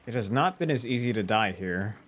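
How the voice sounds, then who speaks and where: A man's voice: fairly low pitch, expressive, fairly quick, a bit bright. A man giving casual let's-play commentary, chatty and talking to himself as he plays. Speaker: gaming video creator.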